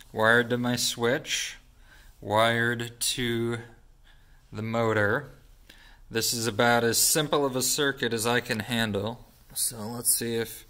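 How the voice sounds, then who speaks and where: A young man in his twenties hosting a gun channel, narrating a workshop project in a dry, deadpan comic voice. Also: fairly low pitch. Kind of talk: deadpan comedic vlog narration. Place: workshop and backyard.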